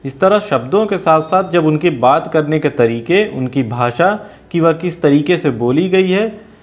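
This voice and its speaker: Guy explaining a lesson, kinda high voice, steady and even, dull lo-fi sound with soft music under it. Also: measured pace. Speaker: teacher. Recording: dull lo-fi voice-over with faint music.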